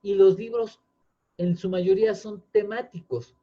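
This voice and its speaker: A man's voice: sits high, steady tone, measured pace. A man, earnestly explaining in casual chat, often restarting with fillers. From Mexico. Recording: dull lo-fi sound.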